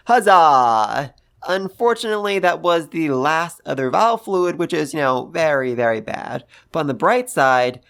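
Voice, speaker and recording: A man's voice: mid-range voice, vocal fry, fairly bright tone. A man reviewing an anime episode in casual talk, enthusiastic and gushing, with casual swearing and lots of fillers.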